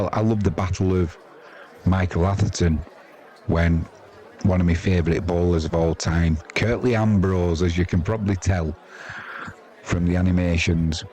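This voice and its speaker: An older British cricket commentator, 50s or older, talks ball by ball in an easygoing, rambling, colloquial way. His voice is low and darkish, with fairly even intonation and a normal speed, and crowd noise runs underneath.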